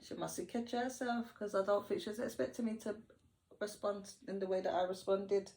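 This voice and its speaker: A woman, telling a story to her viewers in a lively vlog chat with slang and dialect voices. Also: mid-range voice, moderate pace. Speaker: vlogger. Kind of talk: storytime while getting ready. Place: home.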